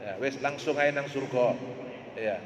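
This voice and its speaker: Male preacher, lively storyteller, echoey hall recording. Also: mid-range voice, normal speed. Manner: lively storytelling, mixing in Javanese, addressing listeners as "Pak". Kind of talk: Quran commentary sermon. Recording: echoey hall with faint background noise.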